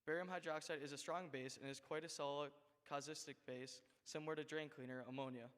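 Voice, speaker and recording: A man's voice: a little high, steady tone, brisk, a bit bright. Teen guy explaining a demo. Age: late teens. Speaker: student demonstrator. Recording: echoey auditorium sound.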